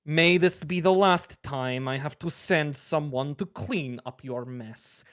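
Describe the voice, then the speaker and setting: A man's voice: fairly high pitch, takes it slowly, a bit bright. A man voicing a menacing letter writer with a put-on Russian accent, reading formally as game master.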